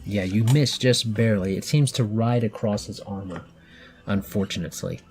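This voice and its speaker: A man's voice: lowish voice, moderate pace, darkish tone. A man in his thirties narrating a tabletop game for a child as game master, patiently explaining the rules with plenty of fillers.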